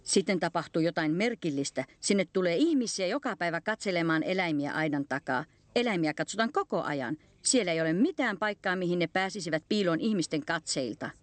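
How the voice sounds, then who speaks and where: A woman doing a loud, earnest old cartoon bear. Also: lowish voice, lively intonation, few pauses, no room sound, close to an everyday voice. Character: old male bear, kindly and talkative.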